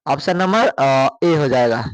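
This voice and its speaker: A man's voice: medium pitch, animated, unhurried, dry recording. A male coaching teacher, running through exam questions, repeating each one and asking students for the answer.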